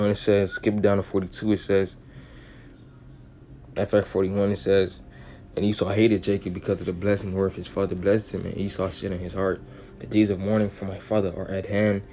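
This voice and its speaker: A Bible teacher reads old-fashioned scripture aloud in a casual study session, then explains it in loose, slangy talk sprinkled with swearing. His low voice is warm with vocal fry, and the recording carries a little hiss or hum.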